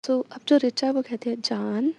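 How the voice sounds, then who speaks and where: A woman's voice: high voice, level tone, brisk, warm tone. A woman telling a romance story in casual chat, full of English fillers. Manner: chatty, mixes in English fillers like "you know".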